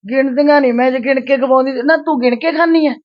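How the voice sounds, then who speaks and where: A woman's voice: sits high, fairly even intonation, fast talker, no room sound, muffled recording, natural voice. A woman playing a grumbling mother who trades tart retorts in a Punjabi family comedy skit.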